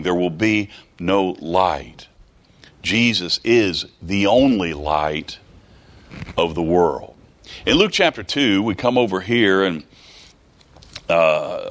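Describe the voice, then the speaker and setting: A man preaching in a slightly low voice. His delivery is folksy, and he circles back over his phrases before he builds up to emphatic peaks. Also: fairly bright tone. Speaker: pastor. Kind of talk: sermon.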